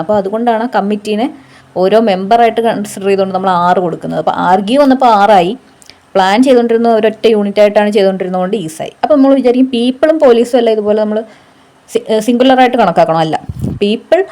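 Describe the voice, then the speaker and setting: A woman gives a patient grammar lesson in a warm, mellow voice. Her pitch sits in a middle range, neither high nor low. She keeps posing quick questions to her students and answering them herself, with a steady "okay" between points. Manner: patient, explains with rhetorical questions and frequent "okay". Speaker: exam coaching teacher.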